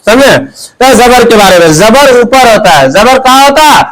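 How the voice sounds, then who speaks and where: A man teaching Quran reading in a call-and-response lesson, asking questions and answering them himself, and drilling syllables slowly. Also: very high voice, lively intonation, crowd noise, low-quality recording.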